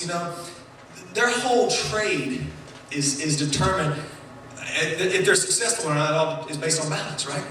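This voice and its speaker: A man delivers a sermon with a high, bright voice, his words ringing around a roomy church hall. The mic sits some way off from him. He keeps things playful and animated, joking with the people in front of him. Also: recorded from a distance, slight background noise. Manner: playful, animated, jokes with the congregation. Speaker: pastor. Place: church sanctuary.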